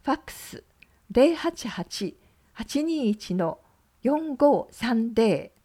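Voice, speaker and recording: Higher-voiced woman reading community notices. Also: very animated, mellow. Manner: measured, clear reading of lists and numbers. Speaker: radio announcer.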